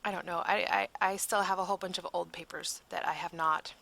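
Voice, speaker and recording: A woman with a lowish voice and a gravelly fry talks through her crafting in a casual voiceover. She rambles, loses words and fills the gaps with ums. She sounds tired and keeps yawning. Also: fairly even intonation, fairly quick, pushed and bright. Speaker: crafter narrating a process video.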